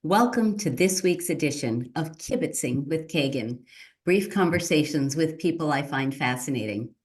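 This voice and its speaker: A woman's voice: deep voice, lively intonation, normal speed, a little mellow. A middle-aged woman who hosts a short interview show, asking questions in an effusive, chatty way with some fillers. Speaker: host, state senator.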